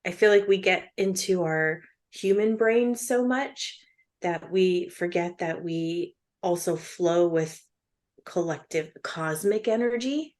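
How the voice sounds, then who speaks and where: A woman's voice: fairly low pitch, takes it slowly, a little mellow. A woman co-hosting a casual chat podcast, chatty with fillers and frequent laughs. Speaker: podcast co-host.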